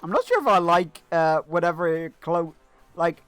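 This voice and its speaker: A male game streamer chats sarcastically through a quest, his voice fairly high and swinging widely in pitch. He swears, reads the quest lines aloud, and sits close to a dry, deadened mic. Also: expressive, normal speed, a bit bright, smooth, no echo, soft background music. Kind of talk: casual live-stream commentary.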